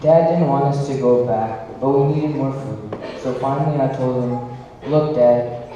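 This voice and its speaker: An actor playing a grown son who insists to his father, speaking slowly. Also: mid-range voice, lo-fi sound, background noise, natural voice. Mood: pleading. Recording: echoey hall, distant mic.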